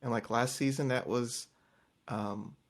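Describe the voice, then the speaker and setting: A man's voice: medium pitch, a little slow. A man co-hosting a casual podcast, recapping a reality show and acting out quotes in voices. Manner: animated, acts out quotes in voices. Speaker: podcast co-host.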